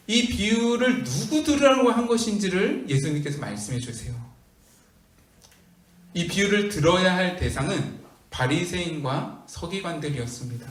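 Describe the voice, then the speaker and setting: A man's voice: high voice, reverberant, far from the mic. A man pastor preaching a sermon, with emphatic storytelling and rhetorical questions. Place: church hall.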